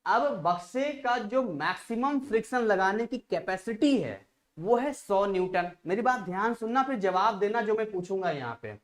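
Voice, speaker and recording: A man's voice: high-pitched, lively intonation, moderate pace. Chatty male physics teacher. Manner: chatty, digresses, repeats phrases to drill a point. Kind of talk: live online class lecture.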